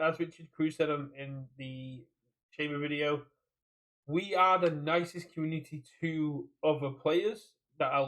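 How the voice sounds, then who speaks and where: British man, fairly high voice, casual podcast co-host, rambling, repeats himself. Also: fairly bright tone, rough recording. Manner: rambling, repeats phrases and restarts. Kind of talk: casual chat about a card game community.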